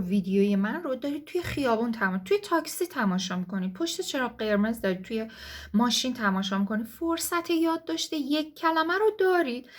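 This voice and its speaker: A woman teaching English vocabulary in a casual video lesson, encouraging and chatty, often addressing viewers warmly as her students. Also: a little high. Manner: encouraging, addresses viewers as kids and dear ones.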